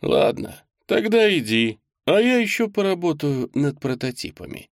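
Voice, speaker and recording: A man voicing a confident male boss in an audiobook, giving brisk, assured orders. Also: fairly high pitch, sing-song, dry recording, studio quality, voice pushed up. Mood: commanding. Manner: assured, directive. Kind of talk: audiobook character voice.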